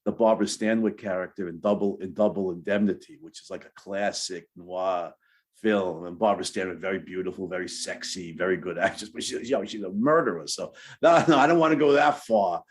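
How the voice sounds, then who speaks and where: Interview guest: a man with a lowish voice who talks in hesitant, repetitive phrases. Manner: halting, repeats words while thinking. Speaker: novelist guest. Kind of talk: casual interview answers.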